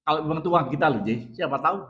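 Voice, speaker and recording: A middle-aged male preacher with a Javanese accent delivers a dawn sermon in a mosque. His voice sits high for a man, and he tells his stories in an animated way, acting out the people in them. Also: very fast, lo-fi sound. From Indonesia.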